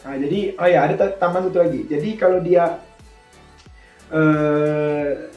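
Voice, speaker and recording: Recorded lo-fi in a reverberant room with background music, this man speaks at a moderate pace in a fairly high, darkish voice that stays steady. He's an air traffic controller running an informal tutorial, posing questions aloud and then working through the answers conversationally.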